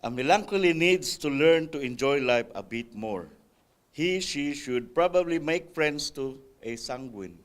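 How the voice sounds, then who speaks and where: At a Sabbath school class, a man reads from a text and breaks off for casual comments, checking with the group by asking "right?" His voice sits on the high side, expressive and unhurried, with occasional hesitations and restarts.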